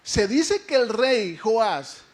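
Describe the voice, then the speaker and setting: A male pastor preaching a lively sermon, asking the congregation questions and acting out the story. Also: high-pitched, extremely slow.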